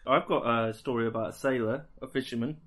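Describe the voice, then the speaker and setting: A man's voice: mid-range voice, fast talker, fairly bright tone. A man co-hosting a casual podcast, a wry storyteller who builds his tales up with dramatic setups. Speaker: podcast co-host.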